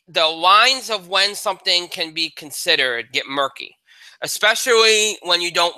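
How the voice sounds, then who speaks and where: A man's voice: a little high, pushed and bright, smooth, no room sound, rough recording. A man hosting a casual talk show, analyzing award winners in a rambling way with many restarts. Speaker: podcast host. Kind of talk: casual chat.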